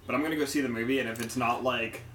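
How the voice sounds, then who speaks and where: A young man chatting on a podcast, jokey and animated, his voice jumping up when he makes a point. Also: mid-range voice, racing, recorded from a distance. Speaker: podcast co-host. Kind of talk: casual crude podcast banter. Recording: echoey room, a bit off-mic.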